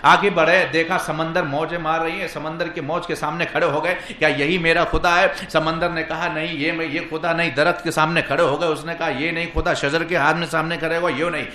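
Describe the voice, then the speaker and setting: A man preaching a sermon who moves between soft explanation and loud, high-pitched exhortation, and acts out dialogue as he tells stories. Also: level tone, fairly quick, hardly any pauses, echoey room, a little hiss or hum. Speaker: Islamic preacher.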